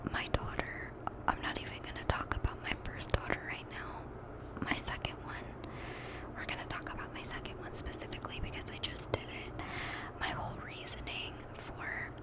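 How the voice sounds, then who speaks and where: A young adult woman whispering a casual ASMR ramble to her viewers, softly repeating some of her words. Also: poor audio. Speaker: ASMR video host.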